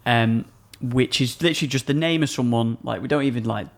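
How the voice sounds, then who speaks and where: Young man chatting loosely, medium pitch. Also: a little fast, gravelly. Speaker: podcast co-host. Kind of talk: casual chat. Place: small office studio, indoors. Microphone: desk microphone.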